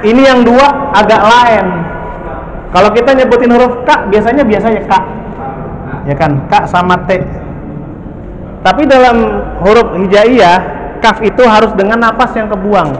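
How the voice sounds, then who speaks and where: A man's voice: high voice, a little slow, long pauses. A man teaching a tajweed class at a mosque, patiently drilling syllables for his students to repeat. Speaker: Quran recitation teacher. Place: large mosque hall. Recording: echoey hall, faint background noise.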